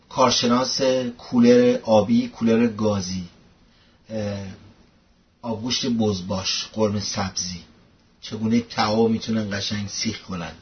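A man's voice: fairly low pitch, lo-fi sound. A man hosting a political commentary show, mocking and scornful as he tells stories and introduces clips.

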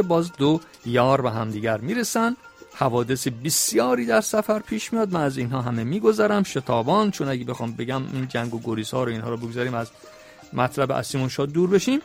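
Gravelly-voiced man reciting epic verse. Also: fairly high pitch. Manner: slow measured verse recitation, then chatty plain explanation. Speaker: storyteller reading an epic poem. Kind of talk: recited verse with colloquial retelling.

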